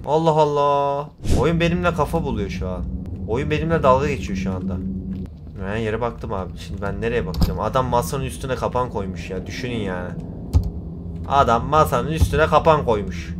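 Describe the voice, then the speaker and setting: A man commentating a horror game for his channel, exasperated, swinging between low mutters and loud outbursts. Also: noisy background. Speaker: gaming YouTuber.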